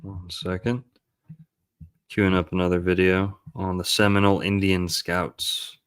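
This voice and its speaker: Low-voiced man hosting casually. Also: flat delivery, a little slow, smooth. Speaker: livestream host. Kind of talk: casual commentary, partly reading aloud.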